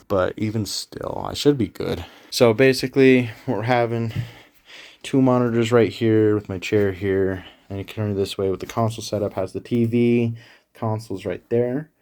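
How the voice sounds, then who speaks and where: A man's voice: mid-range voice, warm tone. A young man vlogging casually on camera, rambling and candid as he works on his setup. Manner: rambling, candid, talks while working.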